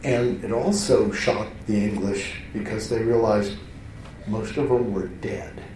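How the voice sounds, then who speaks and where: A man's voice: fairly low pitch, steady tone, slow, darkish tone, slight background noise. A man teaching a class in a conversational, self-interrupting way, often restarting his sentences. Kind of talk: lecture to a class. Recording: roomy hall, voice from far off.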